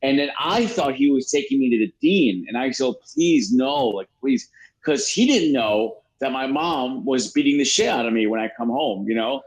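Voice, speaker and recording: A man swapping childhood stories on a podcast, speaking casually and swearing often. His voice sits at an ordinary pitch for a man. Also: moderate pace, hardly any pauses, poor audio. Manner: profane, animated storytelling. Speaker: podcast guest. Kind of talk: casual storytelling.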